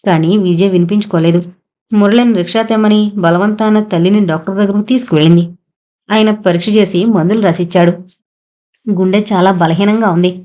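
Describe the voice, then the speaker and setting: A woman reading an audio novel aloud, narrating in a steady, even storytelling manner. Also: medium pitch, fast talker.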